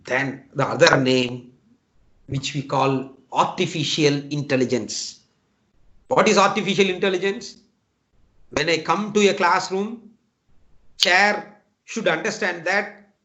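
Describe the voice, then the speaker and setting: A guest speaker with a high, fairly bright voice and a Tamil Nadu Indian English accent lectures students over an online call. He speaks earnestly, repeats his points, and often addresses listeners as "my dear friend"; the audio is dull and lo-fi.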